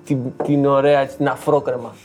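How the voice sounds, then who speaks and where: A man's voice: medium pitch, soft background music. A young man telling stories animatedly in a casual chat among friends. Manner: animated storyteller.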